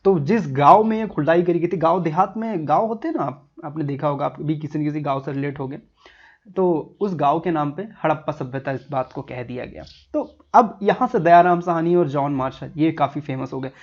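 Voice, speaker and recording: A man's voice: a little high, darkish tone, lo-fi sound. A man teaching a history lesson over a map, in a casual, chatty way, talking straight to the viewer.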